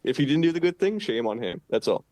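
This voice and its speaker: A man co-hosting a podcast, talking in a loose, earnest ramble. He trips over his words as he works out his thoughts, at an ordinary middle pitch. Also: very animated, fast talker, darkish tone. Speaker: podcast co-host. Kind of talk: casual podcast chat.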